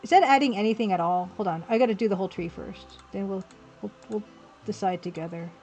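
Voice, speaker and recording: A livestream host and pixel artist chats casually while drawing, responding to chat and thinking out loud over background music. Her mid-range voice is fast and a little mellow.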